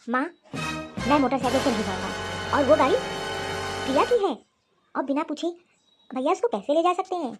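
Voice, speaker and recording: Brief: woman putting on a young cartoon husband, pitched down, irritated and grumbling. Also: animated, moderate pace, pauses often, loud music behind the voice. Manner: complaining, sulky. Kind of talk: cartoon voice acting.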